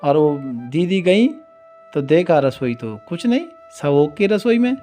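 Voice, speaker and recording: A male devotional storyteller narrating a tale to devotees in a slow, deliberate manner. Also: a little high, animated, mellow, soft background music.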